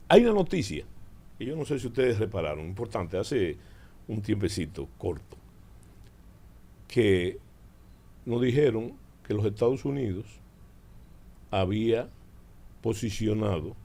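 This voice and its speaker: A man's voice: lowish voice, vocal fry, mellow. Older Dominican man, emphatic and didactic. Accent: Dominican Caribbean Spanish. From Dominican Republic. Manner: didactic, emphatic, repeats phrases, checks in with rhetorical questions. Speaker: military analyst, studio guest. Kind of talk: political and military commentary in conversation.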